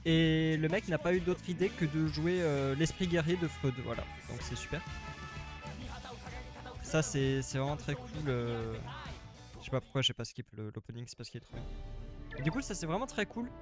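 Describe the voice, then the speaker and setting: Male streamer, a touch high-pitched, rambling casual commentary, slightly tired, faint game music behind. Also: moderate pace. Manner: chatty, rambling, repeats himself. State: a little tired. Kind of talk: casual live let's-play commentary.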